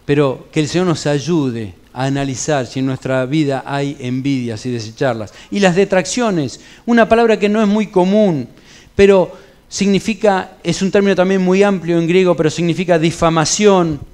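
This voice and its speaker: A middle-aged Argentine pastor with a Rioplatense accent and a rather high voice for a man, teaching a Bible study in church. He preaches conversationally, slipping in everyday stories and casual local slang. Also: moderate pace, darkish tone, smooth. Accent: Rioplatense Spanish. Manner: conversational preaching with anecdotes and colloquial asides.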